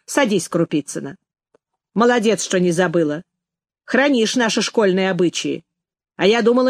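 A woman voicing a stern, tiny, gray-haired old headmistress who talks in a brisk, bossy way, in a dry recording. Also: medium pitch, no echo, natural voice. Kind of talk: audiobook character voice.

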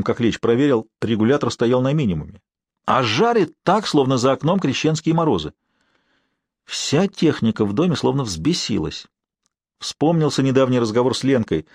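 A man reading an audiobook in expressive, measured scripted narration. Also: medium pitch, no room sound.

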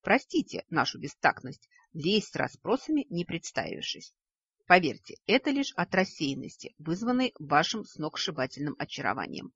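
A woman reading a story, voicing a tall, thin, politely flattering male creature who smooths over every quarrel. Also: low-pitched, normal speed, no echo, highs cut off, exaggerated voice.

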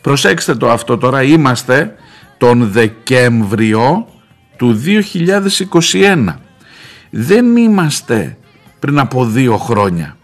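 A man, a journalist, telling a wry anecdote on the radio with lively asides. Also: mid-range voice, faint music behind. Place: radio studio.

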